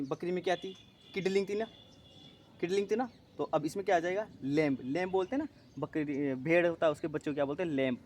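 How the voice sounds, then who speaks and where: A man's voice: fairly high pitch, slight background noise. A male teacher giving an exam-prep lecture, drilling students by asking a question and answering it himself, with English terms mixed in. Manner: mixes Hindi with English terms.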